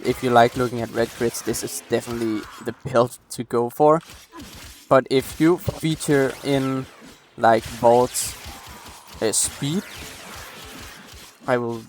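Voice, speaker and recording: A man's voice: mid-range voice, slight background noise. Tired young man explaining a game build. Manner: apologetic, rambling, many restarts. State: late-night, coughing. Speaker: gameplay guide creator. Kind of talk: casual game build walkthrough.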